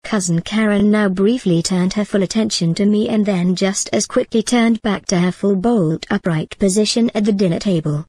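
A woman reading a story aloud in a measured, even manner. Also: medium pitch, breathy edge, no echo. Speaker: narrator. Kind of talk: storybook narration.

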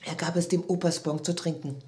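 Woman storyteller, expressive children's read-aloud. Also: sits low, a little fast. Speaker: storyteller reading her own story.

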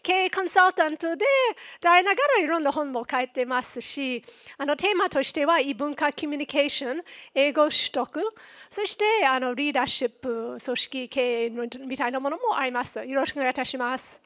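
High-voiced American woman speaking polite Japanese. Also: a bit bright. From United States. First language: English. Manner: polite, measured, uses many fillers. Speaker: management consultant and author. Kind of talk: event talk.

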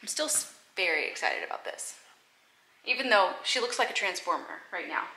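Chatty young woman vlogger with a bright, forward voice, filming at arm's length. Upbeat talk to camera. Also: mid-range voice, expressive, moderate pace, roomy sound, poor audio. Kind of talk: casual vlog chat. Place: inside a car, then a showroom and a house under renovation. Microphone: camera held at arm's length.

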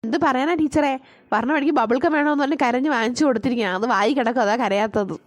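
A woman voicing a quick-talking cartoon mother. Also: a little high, lightly acted. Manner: quick-talking, scolding her son. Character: mother dropping her son off, woman. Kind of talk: cartoon voice acting.

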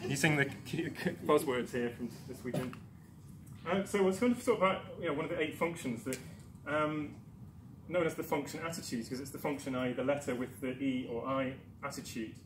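A conference speaker from Newcastle, England, presents at a moderate pace in a medium-pitched voice inside an echoey lecture room. Chatty and self-deprecating, he fills his talk with ums and restarts, and the far camera mic picks up background noise.

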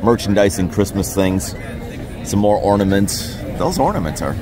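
A man in his forties chatting upbeat to a handheld camera at arm's length at an outdoor Christmas market, with frequent "uh" pauses. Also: fairly low pitch, very animated. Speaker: vlogger. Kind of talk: casual travel vlog. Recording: loud music playing behind. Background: music and crowd.

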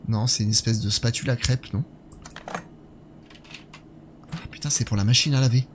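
A man's voice: mid-range voice, steady tone, fast talker, slight background noise. A man in his thirties giving casual live commentary on a horror game while chatting with his viewers. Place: indoor gaming setup.

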